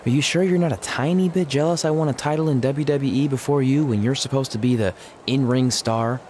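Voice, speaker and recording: Give me an actor doing an excitable, word-mangling young wrestler for a game cutscene. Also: male voice, medium pitch, fairly quick, slight background noise, close to an everyday voice. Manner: excitable, jokey, mangles words. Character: goofy paranoid young male wrestler. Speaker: video game character.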